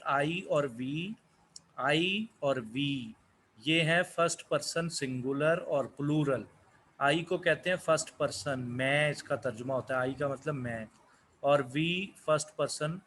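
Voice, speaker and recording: A man whose first language is Urdu, giving a slow English lesson, asking questions and answering them himself. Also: fairly high pitch, a bit bright, a little hiss or hum. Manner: asks questions then answers them, repeats words. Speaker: English teacher.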